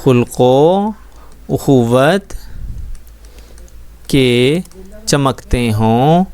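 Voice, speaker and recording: A man's voice: medium pitch, animated, darkish tone, clear, resonant tone. A man teaching a schoolbook Urdu lesson, explaining words patiently and often checking that students follow. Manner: patient, explains slowly with frequent check-ins.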